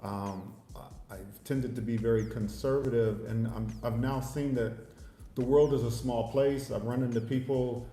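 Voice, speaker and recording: A man, a father and host, chatting casually in a measured, halting way with frequent pauses. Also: mid-range voice, fairly even intonation, mellow. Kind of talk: casual livestream chat. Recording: roomy echo, faint noise.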